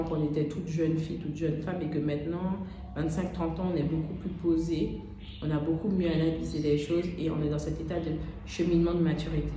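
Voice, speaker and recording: A woman in her thirties with a low voice gives a motivational coaching talk, speaking straight to the listener with frequent hesitant pauses. The room rings with heavy echo. A steady hiss of background noise sits under her voice. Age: 30s. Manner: unscripted, addresses listener as "tu", many "euh" pauses. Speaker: life coach.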